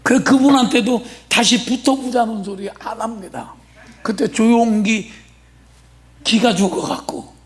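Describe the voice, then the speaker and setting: A man preaching a Sunday sermon as senior pastor, emphatic, bursting into shouts and checking with the congregation. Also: extremely high pitch, measured pace. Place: church sanctuary.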